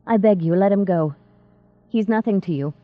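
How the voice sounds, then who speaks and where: A woman reading the part of a young woman mage who speaks gently and pleads. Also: medium pitch, normal speed, no room sound, close to an everyday voice. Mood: pleading. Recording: tinny phone-like dry sound.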